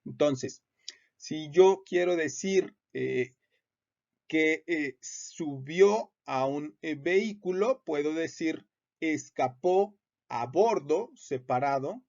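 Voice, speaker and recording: A man's voice: on the high side, takes it slowly, vocal fry, a little mellow. A man gives an explanatory lecture on legal writing, patient and repetitive, with frequent hesitations. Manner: patient, repeats points with many hesitations. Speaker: teacher. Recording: muffled lo-fi audio.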